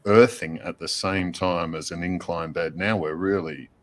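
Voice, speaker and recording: A man chatting as a guest, explaining things with lots of fillers and soft laughs. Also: sits low, fairly even intonation, moderate pace. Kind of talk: casual chat.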